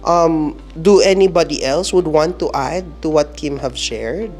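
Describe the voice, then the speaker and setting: A woman hosting a podcast, moderating a group discussion with a lively, welcoming manner. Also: low voice, a little slow, soft background music. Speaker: podcast host.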